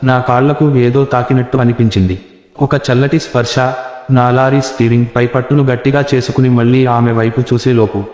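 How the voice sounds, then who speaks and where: A man's voice: medium pitch, darkish tone. A man telling a first-person horror story as scripted narration, tense and suspenseful. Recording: echoey reverberant room.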